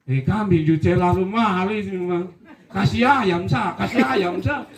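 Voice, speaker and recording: A man voicing a frightened young male soldier with a Rote accent, pleading in a fast, panicky way. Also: high voice, noisy background. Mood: scheming. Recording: echoey room, distant mic.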